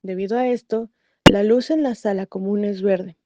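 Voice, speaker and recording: A woman's voice: medium pitch, steady tone, moderate pace, noisy background. A woman hosting a video, reading an informative script and carefully sounding out foreign names, sometimes unsure of the pronunciation. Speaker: YouTube channel host. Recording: slightly dull, dry recording.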